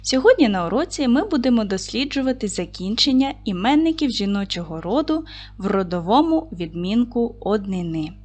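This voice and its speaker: A woman teaching a recorded video lesson to fourth graders, speaking clearly and deliberately and reciting short rhymes. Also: on the high side, very animated, a little mellow, faint music behind. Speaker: primary school teacher.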